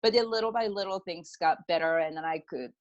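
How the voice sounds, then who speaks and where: On a lo-fi recording, a middle-aged Japanese-accented woman from Japan talks fairly quickly in a fairly low voice. She is a pianist and energy healer appearing as an interview guest, casually recounting her own experiences, saying "like" a lot and acting out conversations.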